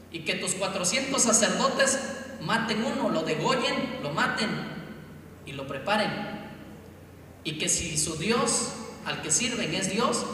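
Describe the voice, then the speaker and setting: Defiant prophet, voiced by a preacher, commanding and declamatory, roomy echo from afar. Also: male voice, high-pitched, bright, forceful tone, a little hiss or hum. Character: bold older male prophet, defiant. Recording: echoey hall, distant mic.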